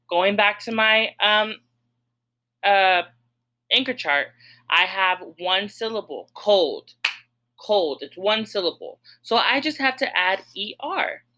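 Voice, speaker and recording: A woman's voice: lowish voice, pushed and bright, low-quality recording. A woman teacher explaining a grammar lesson patiently, step by step, asking her students questions as she goes. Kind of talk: recorded classroom lesson.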